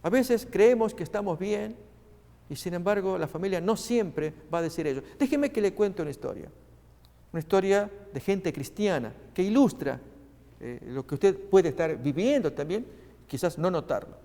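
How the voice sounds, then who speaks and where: A man preaching a sermon, earnest and speaking straight to his listeners, pausing often with fillers. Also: high-pitched, lively intonation, warm tone, big-room sound. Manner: earnest, addresses listeners directly with many pauses and fillers.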